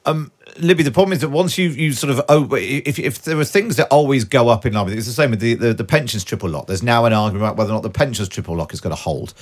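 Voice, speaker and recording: A man's voice: medium pitch, fast talker, hardly any pauses. A British man presenting a political radio show as host.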